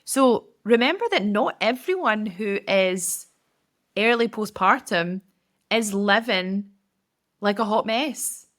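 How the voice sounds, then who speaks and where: A woman's voice: mid-range voice, animated, slow, fairly bright tone. A woman, giving casual, direct podcast advice as a business coach, with lots of "like". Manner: chatty, direct, filler-heavy with frequent "like".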